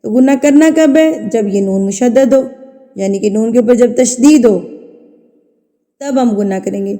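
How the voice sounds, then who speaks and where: Dark-voiced woman teaching, long echo. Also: a little high. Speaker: Quran recitation teacher. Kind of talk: step-by-step tajweed lesson.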